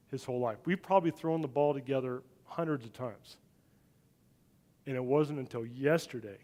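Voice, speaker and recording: A middle-aged man preaching a sermon, telling a family story with animated, loud swings when he acts out what people said. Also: mid-range voice. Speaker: pastor. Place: church sanctuary.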